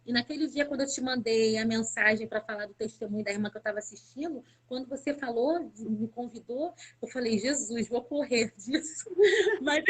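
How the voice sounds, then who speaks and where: A woman's voice: on the high side, fairly quick, few pauses. A woman from Brazil giving an emotional personal faith testimony as a guest on a live stream, talking fervently and repeating words for emphasis.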